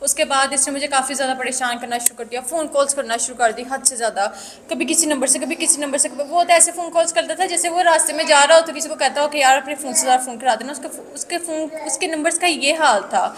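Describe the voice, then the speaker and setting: A woman in her twenties from Pakistan recounts harassment in an interview, talking fast with hardly any pauses. She sounds high-pitched and earnest, anxious and repetitive, restarting often.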